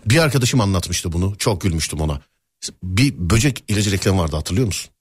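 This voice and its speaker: Animated man hosting a casual show. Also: low-pitched, a little fast, breathy edge. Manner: animated, jokey storytelling. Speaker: host. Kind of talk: casual chat.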